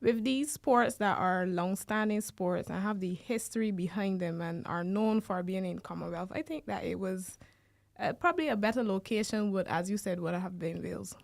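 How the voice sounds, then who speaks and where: A young woman with a Barbadian accent in an informal student radio discussion, haltingly thinking aloud. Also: mid-range voice, gravelly, dry recording. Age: young adult.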